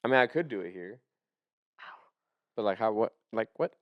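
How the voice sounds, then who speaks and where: A man co-hosting a podcast in casual chat, rambling and excitable, often trailing off and restarting. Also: on the low side, normal speed, dry recording, lo-fi sound. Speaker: podcast co-host.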